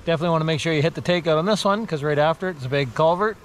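A man casually narrating a kayaking trip from his boat on a river, talking in a relaxed, offhand way with plenty of fillers. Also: a little high. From Canada. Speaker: kayaking vlogger. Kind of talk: casual narration while paddling. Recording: loud water noise outdoors. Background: rushing water and rain.

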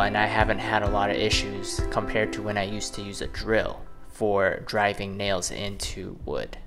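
A man in his thirties runs a home DIY channel, walking through a woodworking build casually and relaxedly with lots of fillers, his voice on the low side. He starts in a small home laundry room, then narrates over garage workshop footage while clear background music plays.

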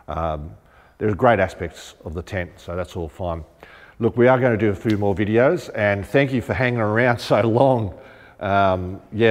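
A deep, darkish-toned man presents rooftop tent fittings in a big warehouse showroom. His manner is chatty and practical, full of ums as he thinks aloud, and the room has long reverb with faint music.

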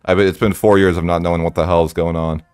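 Deep-voiced man thinking aloud over gameplay. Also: little pitch movement, fast, a little mellow, clean tone, no room sound. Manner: thinks aloud, rambling and candid. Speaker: strategy game streamer. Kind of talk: casual gameplay commentary.

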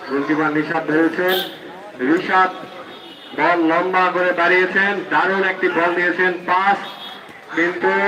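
A Bangladeshi man calls a local football match live, play by play. His voice sits a little high. It comes from a distance with a roomy echo and clear noise around it.

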